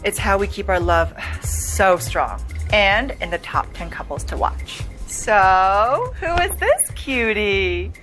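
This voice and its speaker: A woman's voice: mid-range voice, very animated, takes it slowly, hardly any pauses, fairly bright tone, soft background music. A woman playing a smug, boastful, falsely sweet young woman in a sitcom, with a gushing manner. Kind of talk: sitcom acting.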